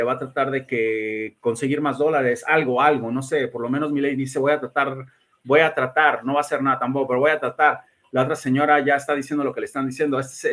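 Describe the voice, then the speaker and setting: Man, livestream host, emphatic, repetitive, mid-pitched voice. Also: fairly bright tone. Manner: greets viewers by name between points; emphatic, repeats words and restarts often. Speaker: livestream host giving predictions. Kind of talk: casual livestream talk.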